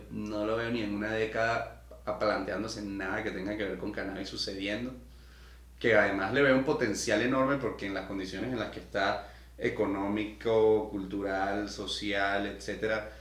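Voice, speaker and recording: A man's voice: lowish voice, fairly bright tone, echoey room. A man from Venezuela hosting a podcast interview, talking in long, enthusiastic, rambling runs. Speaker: podcast host. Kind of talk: casual interview conversation.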